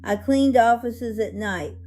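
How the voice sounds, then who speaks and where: A woman voicing a dignified, hopeful 101-year-old survivor, narrating her life story in a solemn, earnest, measured way over music. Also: fairly high pitch, darkish tone. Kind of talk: scripted first-person life-story narration.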